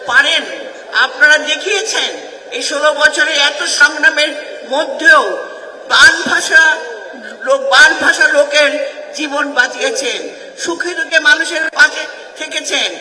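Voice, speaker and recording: A woman giving a forceful, repetitive political speech at a rally. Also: high-pitched. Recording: echoey hall, mic far off.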